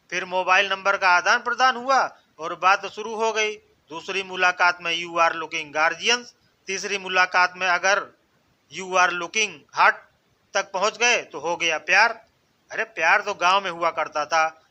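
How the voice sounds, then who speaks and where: A man narrating a string of short jokes in a measured storytelling voice, voicing each character himself. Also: high voice, bright, forceful tone. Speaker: joke narrator. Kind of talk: scripted joke narration.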